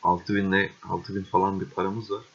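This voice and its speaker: A young man giving casual gameplay commentary, swearing and exasperated, with excitable outbursts. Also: deep voice, normal speed, breathy edge. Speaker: gaming video host. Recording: dull lo-fi recording.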